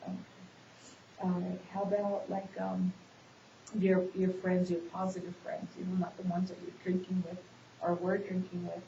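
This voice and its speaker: Congested woman counselor, hesitant and flat. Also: fairly low pitch, normal speed, creaky. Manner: hesitant, many ums and restarts. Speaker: social work student playing the counselor in a role-play. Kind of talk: counseling session role-play. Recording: echoey room, dull hissy recording.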